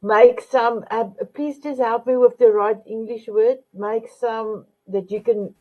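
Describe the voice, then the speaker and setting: Slow-talking woman. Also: a little high, steady tone. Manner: warm, repetitive terms of endearment, searching for English words. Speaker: talk show host. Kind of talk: motivational talk to viewers. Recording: phone-line quality audio.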